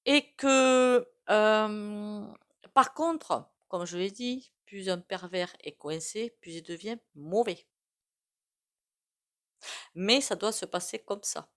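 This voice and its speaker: A woman's voice: on the low side, takes it slowly, pauses often. A woman with a regional French accent doing a casual tarot reading to camera, chatty and rambling with lots of fillers. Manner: chatty, rambling, with many fillers and self-asides. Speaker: tarot reader.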